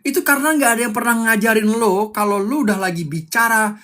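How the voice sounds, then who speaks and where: A man's voice: high-pitched, quick pace, a bit bright. A young man coaching public speaking on a live stream, fiery and emphatic, repeating his key points.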